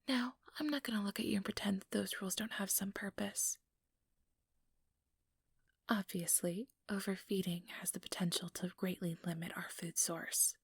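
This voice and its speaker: A woman with a mid-range voice whispers an ASMR role-play monologue as an ambitious, manipulative female vampire, breathy, coaxing and idealistic. Her intonation stays fairly even at a moderate pace, recorded close to a dry microphone with no room sound.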